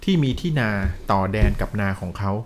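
A man telling a ghost story in casual chat, with a polite, dramatic delivery full of soft polite particles. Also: lowish voice, big pitch swings, fairly quick, a little hiss or hum. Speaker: storyteller host.

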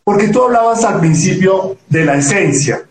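A man's voice: high voice, expressive, moderate pace, reverberant, poor audio. A man hosting an interview as a producer, enthusiastic and rambling, often repeating his words. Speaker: host, producer. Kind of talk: casual interview talk.

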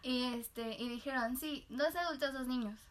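A woman with a Mexican accent telling a lively anecdote in casual chat, laughing often and using slang. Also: high voice, normal speed, noisy background. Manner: animated storyteller, laughs often, uses slang. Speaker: podcast co-host.

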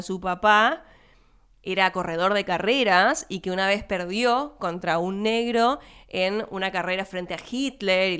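A young Argentine woman, not from Buenos Aires, hosting a podcast and chatting casually about a film, laughing and speaking quick asides to her listeners. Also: mid-range voice, a bit bright, clear, resonant tone. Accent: Argentine Spanish, not Buenos Aires. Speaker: podcast host.

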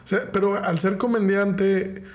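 A man with a high voice chats casually as an interviewer. He puts in short interjections and questions in an informal way. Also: steady tone, measured pace. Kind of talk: casual chat.

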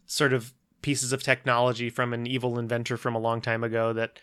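A man's voice: medium pitch, completely flat delivery, brisk, fairly bright tone, clear, resonant tone. A man talking casually about a shared tabletop game, rambling with many restarts and fillers. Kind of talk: casual podcast chat.

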